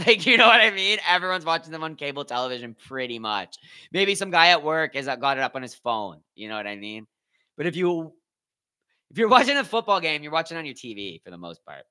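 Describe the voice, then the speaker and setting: A male streamer runs a live watch party in loose, slang-heavy chatter. His voice sits a little high and rings very bright and forceful. He keeps breaking off to read and answer his chat. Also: big pitch swings, a little fast. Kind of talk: casual live-stream commentary.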